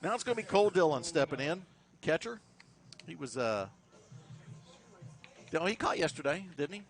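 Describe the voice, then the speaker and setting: A man's voice: fairly high pitch, moderate pace, faint music behind. Chatty man calling a baseball game. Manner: lively, rises sharply on big plays; chatty, laughs with his partner. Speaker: play-by-play announcer. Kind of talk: baseball commentary.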